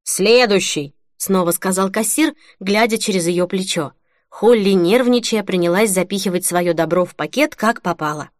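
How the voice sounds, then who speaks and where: A woman reading a novel aloud as an audiobook narrator, in an even, measured way. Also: medium pitch, dry recording, studio quality. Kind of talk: scripted narration.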